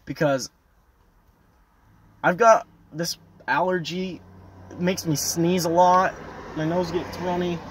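Foul-mouthed young man ranting loudly. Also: high-pitched. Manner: foul-mouthed, loud and animated, swings between yelling and muttering. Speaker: vlogger. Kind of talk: casual profane rant to camera. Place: parked at a roadside turnout.

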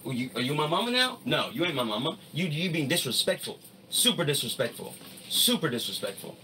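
A man in his thirties in a heated livestream argument, loud and defiant, repeating himself. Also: fairly high pitch, sing-song, fast. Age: 30s. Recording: distant mic with faint noise.

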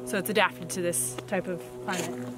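A woman's voice: on the low side, fairly even intonation, normal speed, music in the background. Woman explaining on an outdoor hike. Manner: explanatory, thinking aloud. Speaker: vlogger. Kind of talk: casual outdoor vlog chat. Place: outdoors in the woods.

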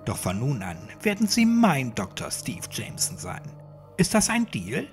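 A woman's voice: extremely low pitch, huge pitch swings, moderate pace, soft background music, heavily acted. A man voicing a cold, cynical young woman with an icy, mocking voice in a German horror audio drama. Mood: menacing.

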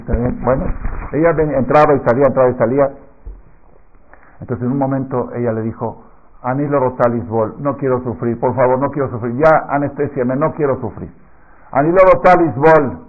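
Guy giving a sermon, rabbi, storytelling, goes quiet then loud, kinda dull recording. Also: medium pitch. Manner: storytelling, swings from hushed to loud emphatic peaks. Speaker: rabbi giving a Torah talk.

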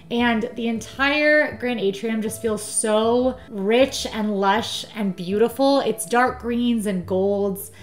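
A woman hosting a travel vlog, chatting in a bubbly, enthusiastic way with the odd "um". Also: medium pitch. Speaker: vlog host. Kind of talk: casual travel vlog chat.

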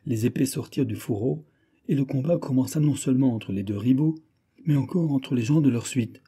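Dark, husky male audiobook narrator. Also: mid-range voice. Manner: measured, even storytelling. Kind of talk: scripted narration.

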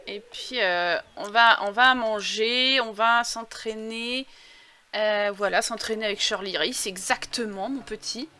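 A woman chats her way through a game, her voice bright and a touch high. She thinks aloud with plenty of fillers and hesitations, and now and then reads the on-screen quest text aloud. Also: a little slow. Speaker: let's play gamer. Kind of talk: casual gameplay commentary.

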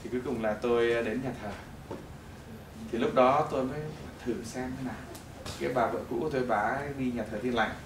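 A middle-aged man giving a testimony sermon in a church hall, telling his story in an animated way that swings between loud bursts and hushed moments. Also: medium pitch, fast, background noise. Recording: echoey hall, mic at a distance.

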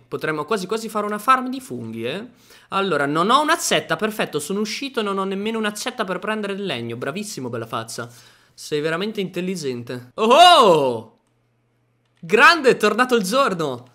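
High, bright excitable gaming commentator man. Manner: excitable, talks to himself and viewers, panicky outbursts. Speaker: gaming youtuber. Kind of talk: Minecraft let's play commentary.

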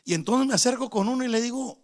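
A middle-aged man preaches in a very high voice. He tells stories and keeps calling out to his congregation. His voice rings through the church hall with a long echo. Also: quick pace. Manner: storytelling, keeps calling out to the brethren. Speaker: pastor. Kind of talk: sermon.

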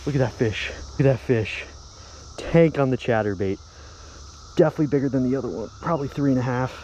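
A young man vlogging while pond fishing, excitedly talking to his viewers. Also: mid-range voice, fast, slight background noise, poor audio. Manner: excited, exclamatory, talks to viewers. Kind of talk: casual outdoor fishing vlog. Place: outdoors by a pond.

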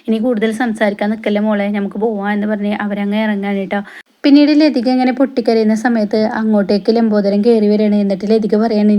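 A woman rattles through the plot of a TV serial in a quick, steady patter. Her pitch barely moves as she passes lines from one character to the next. Small "eh" fillers and soft tag words close off many of her sentences. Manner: rapid, even retelling with frequent "eh" fillers and soft trailing tag words. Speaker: TV serial recap vlogger. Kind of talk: casual retelling of a TV serial episode.

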